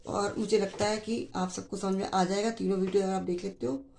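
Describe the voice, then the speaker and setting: A woman's voice: medium pitch, level tone, brisk, gravelly, a little mellow, a little hiss or hum. A woman teaching a grammar lesson to school students, explaining patiently and repeating key phrases, with mixed in. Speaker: Hindi teacher.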